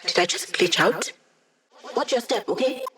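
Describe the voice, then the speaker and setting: Hack, a quippy digital hacker. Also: female voice, fairly high pitch, lively intonation, moderate pace, gravelly, a bit bright. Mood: wry, playful. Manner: casual, quippy, teasing. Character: upbeat, wry young female hacker living as a digital consciousness. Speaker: mission support character in a video game. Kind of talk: video game voice lines over comms.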